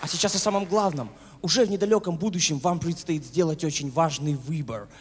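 A young man playing a gracious British queen, making a formal, measured comedy speech into a handheld mic. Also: fairly high pitch, lightly acted. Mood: regal, sly. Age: young adult. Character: gracious female British queen in comic drag. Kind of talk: live sketch comedy speech. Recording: echoing hall, noisy crowd.

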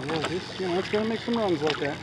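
A man with a notably high voice talks in a calm, coaxing way, coaching his fishing partner and calling him buddy. He is out on the open ocean, recorded on an action camera on a kayak. Wind and water noise sit clearly under his voice. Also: fast. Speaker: fishing guide and channel host. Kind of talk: encouraging coaching while filming.

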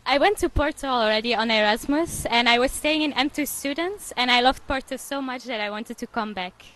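A woman's voice: on the high side, brisk, a bit bright, rough recording. A young woman from Belgium, answering interview questions in an upbeat way.

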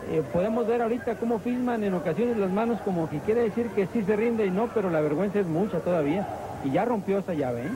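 A man's voice: high-pitched, fast, background noise. A man with a Mexican accent commenting on and analysing a live wrestling match as a commentator.

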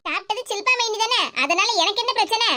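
Squeaky tearful young wife, voiced by a woman. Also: quick pace, very noisy. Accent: Kanyakumari Tamil. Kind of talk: animated cartoon comedy dialogue.

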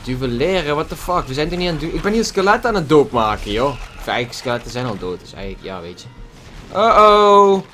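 A man's voice: medium pitch, lively intonation, fast talker, hardly any pauses, soft background music. A man giving casual gameplay commentary at his computer, swearing a lot with exaggerated frustration. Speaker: gaming YouTuber. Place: at a computer desk with a loud keyboard. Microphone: desk microphone.

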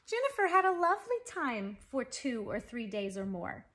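In her living room at home, a woman in her forties reads a children's picture book aloud. Her voice sits on the high side, and she paces it moderately, phrasing things expressively and emphatically for young listeners. There's slight background noise.

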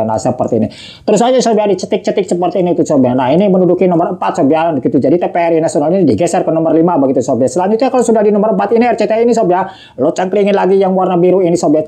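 A man walks viewers through a remote-control setup in a casual how-to, chatty and repetitive, saying himself that he talks too fast. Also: high voice, dark tone. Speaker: tech tutorial host.

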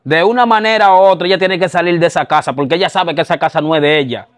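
A man playing a quick-tempered husband who gets worked up and keeps repeating himself. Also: on the high side, natural voice. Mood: agitated. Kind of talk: amateur drama acting.

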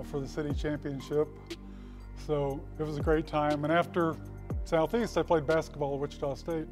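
Man, late 60s, acceptance speech, podium mic, school hall, folksy dry humor, slightly high voice, faint music behind. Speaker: hall of fame inductee. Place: school hall with brick walls. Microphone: podium microphone.

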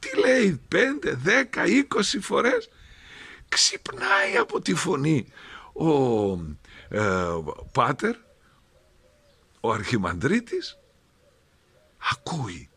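Gravelly priest telling a heartfelt parable. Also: male voice, fairly high pitch, pauses often, dry recording. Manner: animated storytelling, heartfelt. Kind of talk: storytelling sermon. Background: music.

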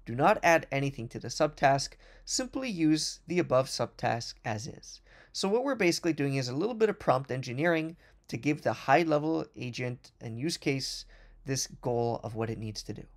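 A man narrates a product demo over a screen recording, moving quickly and fluently in a corporate tone with the odd restart. He sounds a bit high-pitched and animated.

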